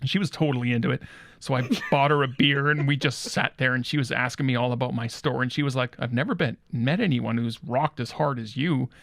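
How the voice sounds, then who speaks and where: A man's voice: mid-range voice, brisk, gravelly, fairly bright tone, no room sound, studio quality. A man playing a crude, cocky guitar store owner who brags about rock and says 'effing' in place of swears. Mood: cocky boasting. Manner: swaggering, swaps swears for 'effing' and 'F'. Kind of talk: comedy character monologue.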